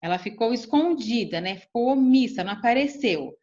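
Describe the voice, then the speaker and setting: A woman's voice: on the high side, lively intonation, brisk, warm tone. A woman teacher, patiently explaining a grammar lesson step by step to children and often checking in with "tá bom?". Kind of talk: recorded remote lesson. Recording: dull lo-fi recording.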